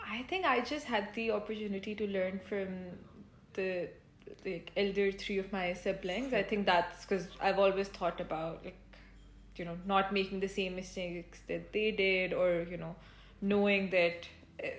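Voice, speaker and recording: A woman's voice: mid-range voice, fairly even intonation, a little slow. Chatty young woman in an echoey room. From Pakistan. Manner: chatty, many fillers, laughs easily. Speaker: interviewee. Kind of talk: casual interview chat. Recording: echoey room with faint ambient noise.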